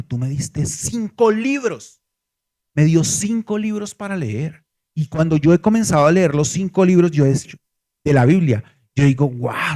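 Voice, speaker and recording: Pastor preaching a sermon, voice a bit high, asks the congregation questions. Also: male voice, darkish tone.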